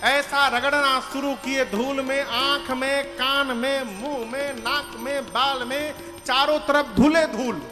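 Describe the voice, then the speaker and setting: Speaking slowly in a very high, steady voice with few pauses, a man dramatizes a devotional epic and acts out its characters. Faint music sounds in the reverberant hall where he is recorded.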